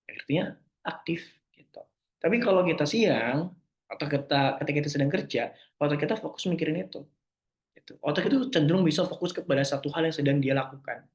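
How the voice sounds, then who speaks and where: A young man answering listener questions in a casual talk, gentle and reassuring, often forgetting terms and restarting. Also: a little high, a little fast, roomy sound.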